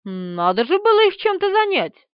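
Reading for an audiobook, a woman voices a feisty, mischievous young woman who is bold, teasing, and sharp-tongued. She pushes her voice up very high, with big pitch swings at a moderate pace, and the studio recording is dry and slightly dull.

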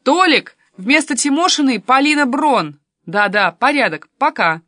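A woman reading a story, voicing a brash, excitable adult male cousin. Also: mid-range voice, normal speed, no echo, studio quality, close to an everyday voice. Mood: brusque. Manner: blunt, exclamatory, impatient.

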